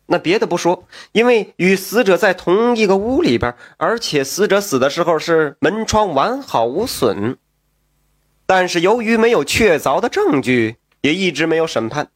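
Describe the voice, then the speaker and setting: Animated male storyteller, lively pitch. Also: normal speed, no room sound, studio quality. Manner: animated, asides to the listener. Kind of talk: traditional storytelling narration.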